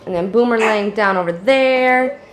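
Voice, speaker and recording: A woman's voice: a little high, normal speed, slight background noise. A young woman chatting casually while filming a home vlog about her day with her baby and dogs, sometimes whispering so her sleeping baby stays asleep. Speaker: vlogger and mother.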